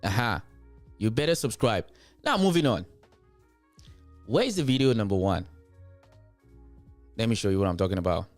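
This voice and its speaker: A man with a Nigerian accent hosts a reaction commentary show, speaking straight to viewers and emphatically repeating points to drive them home. His fairly low voice is sing-song, at a moderate pace with frequent pauses, recorded dry with faint music behind.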